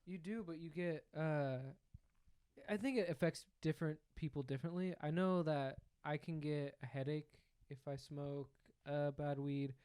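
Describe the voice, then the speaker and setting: A young man chats on a podcast in an easygoing, teasing way, pausing on ums now and then. His voice is fairly high, smooth and resonant. The close mic gives a dry sound. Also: a little mellow, no echo. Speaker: podcast co-host. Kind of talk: casual chat.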